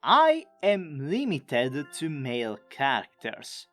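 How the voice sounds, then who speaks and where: An enthusiastic man narrates a chatty recap in the style of an online creator. His pitch moves a great deal and his delivery is expressive. Soft music plays underneath. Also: slow pace. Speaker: video creator and amateur voice actor.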